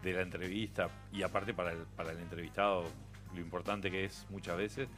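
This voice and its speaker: A man's voice: sits low, level tone, fairly quick, fairly bright tone, faint music behind. A middle-aged man with a Uruguayan accent, chatting as a radio guest, telling anecdotes with frequent laughter and restarts. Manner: chatty storyteller, laughs often, many restarts. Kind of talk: relaxed radio conversation. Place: radio studio.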